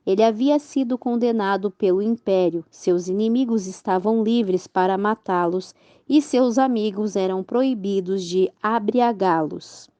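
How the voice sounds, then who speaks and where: A woman's voice: medium pitch, mellow, no echo, dull audio. A woman reading a religious book aloud as narrator, carefully and with occasional self-corrections.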